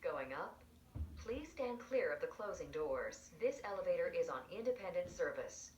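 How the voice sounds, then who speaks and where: A woman's recorded elevator announcement voice played from the panel speaker, speaking in measured, evenly spaced public-address phrasing. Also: lowish voice, sing-song, darkish tone, highs cut off. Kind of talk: calm automated announcements. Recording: echoey, distant speaker with faint noise.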